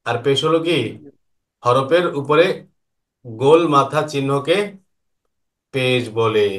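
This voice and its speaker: A man teaches an online Quran lesson. His pitch sits in an ordinary middle range. He poses questions and patiently answers them himself, going over each point slowly more than once. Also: a bit bright. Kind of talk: online lesson explaining Arabic vowel marks.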